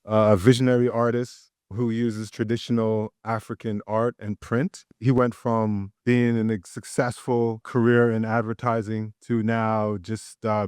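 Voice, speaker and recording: A man's voice: on the low side, a little mellow, smooth, no room sound, clean studio sound. A man hosting an interview podcast, asking loose, upbeat questions with fillers, recorded in an art gallery. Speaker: podcast host. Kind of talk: casual interview.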